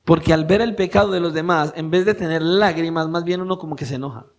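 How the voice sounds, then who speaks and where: High-voiced man preaching a sermon. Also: fast talker. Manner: swings between raised emphatic preaching and quiet intimate asides; asks the congregation direct rhetorical questions. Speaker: pastor. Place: church.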